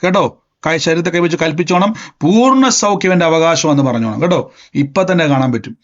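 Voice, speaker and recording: Brief: male preacher, higher voice, fervent healing prayers over a dull online call line. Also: animated, brisk. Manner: commanding, fervent, repeats phrases, rises to loud proclamations. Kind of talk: Pentecostal healing prayer and sermon. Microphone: video call.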